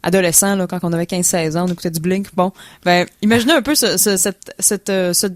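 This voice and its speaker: A woman's voice: on the low side, brisk. A young woman with a Quebec French accent, chatting as a guest on a radio show, full of fillers and restarts. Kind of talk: casual radio chat.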